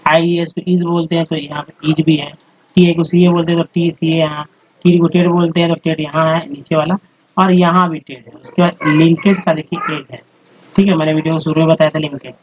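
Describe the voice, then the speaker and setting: A man's voice: a little high, level tone, brisk. A man teaching English reading in a slide lesson, explaining sounds step by step and repeating words for his viewers. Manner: repetitive, step-by-step explaining, addresses viewers as friends. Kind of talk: slide-based phonics lesson. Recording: dull lo-fi audio with faint noise.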